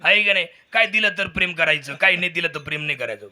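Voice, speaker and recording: A man's voice: on the high side, quick pace, bright, forceful tone. A man giving a humble, folksy thank-you speech at the close of a devotional kirtan, often asking the crowd to agree with him. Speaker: kirtan performer.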